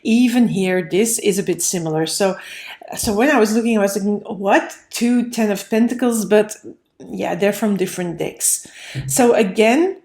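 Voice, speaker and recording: A woman with a darkish, mid-range voice hosts a casual tarot reading for viewers at a normal speed. She talks in a rambling, conversational way, repeating phrases for emphasis, and the room sounds echoey and roomy.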